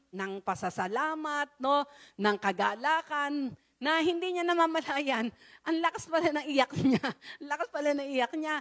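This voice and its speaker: High-voiced Filipino woman preaching. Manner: frequent "no?" tag questions, warm storytelling with rising excitement. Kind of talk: sermon storytelling. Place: church service.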